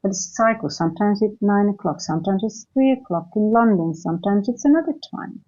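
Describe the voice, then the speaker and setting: A woman's voice: mid-range voice, mellow, soft background music. Lo-fi woman hosting a trading stream. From grew up in Singapore. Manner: thinking aloud, halting with fillers and restarts. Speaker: trading livestream host. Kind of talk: live market commentary and viewer chat.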